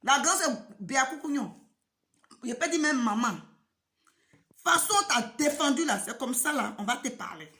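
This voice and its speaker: A woman's voice: high-pitched, expressive, normal speed, long pauses. A woman in French, addressing online followers in an emphatic, indignant and repetitive way. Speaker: social media video creator. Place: inside her home in Germany. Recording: loud music playing behind. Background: loud music.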